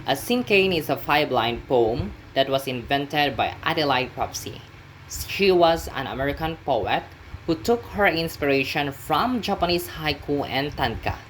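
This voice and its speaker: A woman giving a class presentation on a poetry form, speaking carefully with some halting restarts. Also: low-pitched, slight background noise, rough recording. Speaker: student presenter.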